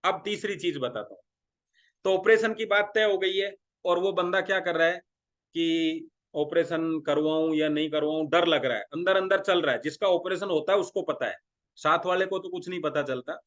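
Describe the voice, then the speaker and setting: Higher-pitched Indian sales trainer. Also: male voice, normal speed, fairly bright tone. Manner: talks through role-played dialogues, asking the audience questions. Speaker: direct selling trainer. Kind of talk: motivational sales training talk.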